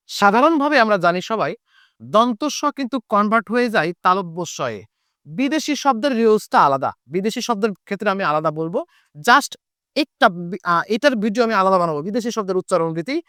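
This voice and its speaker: A Bengali teacher from Chapainawabganj, Bangladesh, speaking with that local accent, gives an online lesson, repeating key points and posing questions he answers himself. His high voice is a bit bright and clean, recorded at studio quality with no echo.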